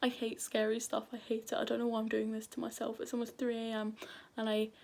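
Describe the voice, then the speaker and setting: A woman's voice: on the high side, completely flat delivery, fast, creaky, a little mellow. A woman telling a true crime story at home late at night, nervous and often dropping to a whisper. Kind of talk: casual true crime narration.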